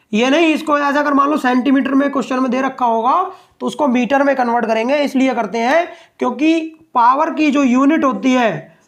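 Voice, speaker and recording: A man teaching science to a class, firing questions at the students and answering them himself. He repeats each key point, then slows right down to dictate notes word by word. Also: extremely high pitch. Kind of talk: classroom lesson.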